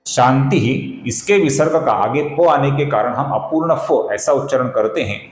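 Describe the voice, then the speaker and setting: A man teaching the correct pronunciation of Sanskrit verses, explaining each sound slowly and repeating syllables, addressing viewers as friends, with verses chanted in a measured way. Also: medium pitch, reverberant, poor audio. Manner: slow, careful, repeats syllables for precise pronunciation. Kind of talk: explanatory lesson with slow chanting.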